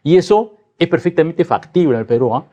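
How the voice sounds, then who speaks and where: A man's voice: on the high side, lively intonation, a little fast, warm tone, dull audio. A man, a guest in a political discussion, arguing emphatically and ending his points with tag questions.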